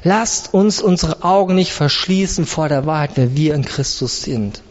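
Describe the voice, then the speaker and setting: A man's voice: on the high side, animated, moderate pace. A man preaching a sermon, impassioned, driving his points home by stacking repeated phrases. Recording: long hall reverb, dull lo-fi sound.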